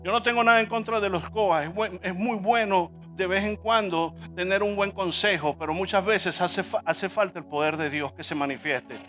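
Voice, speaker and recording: A man's voice: high voice, normal speed, few pauses, a bit bright, faint music behind. A male pastor preaching a sermon in church, emphatic, often asking the congregation to repeat words after him.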